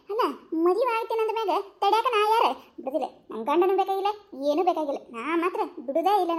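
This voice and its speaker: A fiery village woman from a comedy cartoon, as a woman voices her, scolding in a North Karnataka accent. Her voice is very high and her words come fast, full of quick back-and-forth banter. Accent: North Karnataka Kannada.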